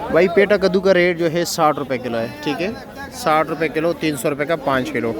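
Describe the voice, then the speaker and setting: At an outdoor wholesale vegetable market, a man with a Pakistani accent vlogs prices in a fairly quick, somewhat high voice, questioning vendors in short exchanges and repeating the figures. Crowd chatter and birdsong fill the busy background.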